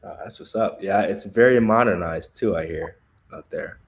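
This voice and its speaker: Laid-back low-voiced American man chatting. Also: normal speed. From United States. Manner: laid-back, laughs often, loose slangy talk. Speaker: livestream host. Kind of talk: casual livestream chat.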